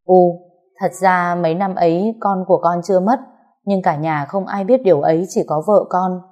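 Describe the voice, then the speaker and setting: A woman's voice: on the low side, mellow, close to an everyday voice. Woman doing a nervous, apologetic middle-aged son. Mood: pleading. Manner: slow, stammering, pleading.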